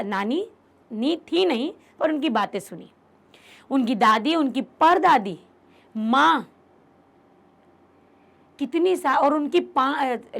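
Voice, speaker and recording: Speaking in a high voice with vocal fry, a Hindi teacher delivers an online literature class, putting questions to her students. She explains by restating terms and points in plainer language.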